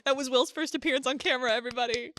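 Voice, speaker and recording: A young woman speaking casually and earnestly on a faith podcast, encouraging and quick to laugh. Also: high-pitched, fairly even intonation, a bit bright, slight background noise. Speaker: podcast guest.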